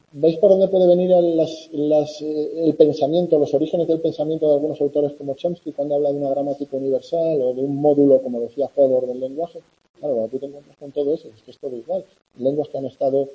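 A man from giving a university lecture in a conversational way, often checking in with students and filling pauses. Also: fairly high pitch, highs cut off. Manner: conversational, with many fillers and "¿vale?" checks. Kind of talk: classroom lecture.

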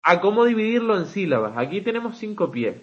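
A man's voice: high voice, big pitch swings, fairly quick, dull audio. A man teaching English poetic meter in an online class, talking conversationally and checking in with frequent rhetorical "vale", with some hesitant restarts.

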